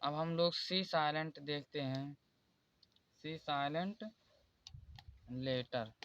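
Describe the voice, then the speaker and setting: A man teaching English spelling rules in a slow, repetitive way and pointing out examples one by one. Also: a little high, fairly bright tone, smooth, muffled recording. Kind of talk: explaining spelling rules in Hindi.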